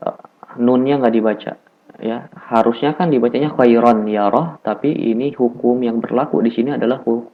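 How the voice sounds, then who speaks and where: A man teaching Quran recitation rules, explaining each rule and then slowly chanting the examples twice. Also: medium pitch, phone-quality sound.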